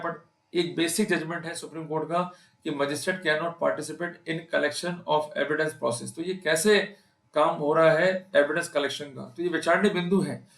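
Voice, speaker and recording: This law lecture to camera, given in Hindi with English mixed in, comes from a man with an Indian accent who is emphatic and speaks directly to his audience. His voice is a little high and fairly bright, and the room is echoey and reverberant.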